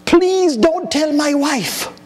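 A plainspoken farmer, too busy with his field to look up, who takes every question at face value, as a preacher puts him on during a sermon joke. The voice sits fairly high for a man. It rings out through a reverberant church hall. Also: expressive, takes it slowly, a little mellow, full character voice. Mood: deadpan. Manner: matter-of-fact, literal-minded.

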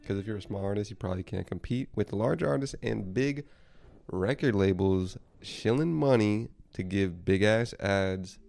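With a lowish, gravelly, slightly mellow voice at a moderate pace, a young man co-hosts a casual podcast chat. He rambles, swears offhandedly, and leaves thoughts unfinished.

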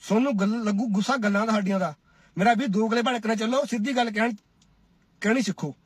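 A man's voice: high-pitched, quick pace, no room sound. A man from India giving a preachy, scolding duet commentary, often asking his listeners "right?". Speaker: social media commentator. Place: Cyprus.

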